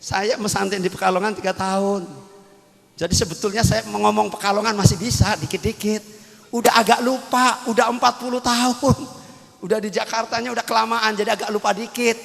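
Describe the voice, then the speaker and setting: A man's voice: sits high, steady tone, brisk, vocal fry, a bit bright, big-room sound. A man preaching a humorous Islamic sermon, teasing and joking with his audience and calling out to them. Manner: teasing, playful, calls out to the crowd.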